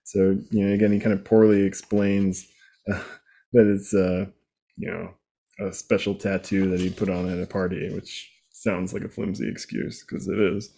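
A man with a fairly low, very mellow voice co-hosts a podcast. He recaps a comic book casually and with a wry, conversational manner. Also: little pitch movement, normal speed, gravelly. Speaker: podcast co-host.

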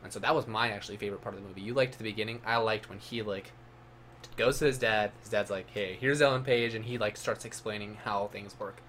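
A man's voice: fairly low pitch, fairly even intonation, fast talker, a bit bright, slight background noise. A young man co-hosting a movie podcast, talking animatedly, swearing and repeating words in casual chat. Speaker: podcast co-host.

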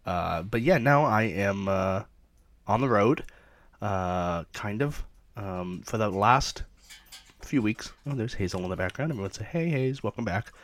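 Rambling, jokey man with a low voice. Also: lively intonation, a little slow, a bit bright, no room sound. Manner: rambling, jokey, lots of fillers. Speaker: podcast host. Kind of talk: casual chatty podcast intro. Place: his trailer behind an amusement park.

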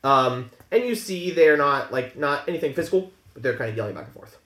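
A man's voice: mid-range voice, animated, sharp tone. Guy narrating a tabletop rpg, lots of ums, kinda echoey. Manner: halting, lots of fillers and laughs. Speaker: game master.

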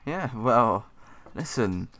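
A man's voice: mid-range voice, expressive, slow, a bit bright. A man co-hosting a podcast, rambling through crude jokes in casual chat. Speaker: podcast co-host.

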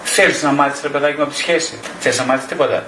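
A middle-aged man, a psychotherapist, lecturing a group in a blunt, animated way with some swearing. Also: medium pitch. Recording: echoey room, distant mic, noisy.

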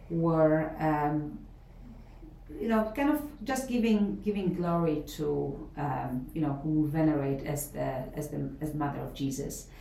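A low-pitched, mellow voice belongs to a middle-aged Polish woman, a professor who answers interview questions with thought, plenty of fillers and frequent restarts, in a Polish accent. The recording carries a little hiss or hum, faint ambience and a roomy feel, a bit away from the mic.

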